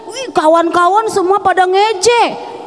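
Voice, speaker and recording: Sunday school preacher, woman, high lively voice, echoey church hall. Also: measured pace. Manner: animated, asks children questions. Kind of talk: children's sermon.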